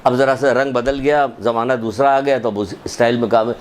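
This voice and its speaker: A man's voice: medium pitch, steady tone. An emphatic male preacher delivers a sermon that weaves in a story. He repeats his points and presses the listeners with rhetorical questions. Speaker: religious lecturer.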